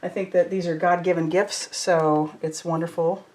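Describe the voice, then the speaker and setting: Woman, lower pitch, chatty, effusive, craft livestream host. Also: flat delivery, moderate pace. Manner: chatty, reads out viewer comments, warm and effusive. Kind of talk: casual live chat while crafting.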